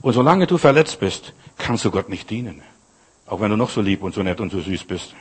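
A man's voice: on the low side, animated, a little fast, husky. An older man preaching a sermon, earnestly speaking straight to the listener and quoting scripture. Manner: earnest, addresses listener directly, quotes scripture.

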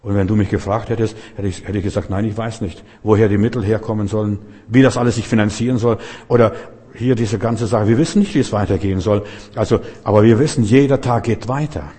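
A man's voice: lowish voice, steady tone, fast talker, warm tone, breathy edge. A middle-aged man preaching a sermon, emphatic and conversational, telling stories with colloquial asides. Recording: long reverb in a hall.

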